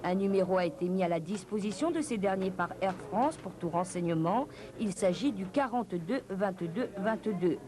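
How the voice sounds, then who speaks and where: A woman's voice: medium pitch, animated, moderate pace, few pauses, a crowd in the background. A woman reading a scripted television news report as a reporter.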